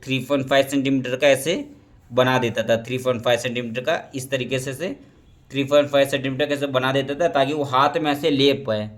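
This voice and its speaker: A man teaching an exam prep history lesson, asking and answering his own questions and pointing at pictures as he explains. He reads English textbook lines slowly and then explains them in Hindi. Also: medium pitch, steady tone.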